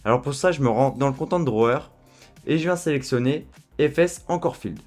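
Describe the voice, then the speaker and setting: A man walking viewers through a software tutorial in a relaxed, chatty way, with frequent fillers. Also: medium pitch, a little fast, faint music behind. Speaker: tutorial host. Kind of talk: screen-recorded software tutorial.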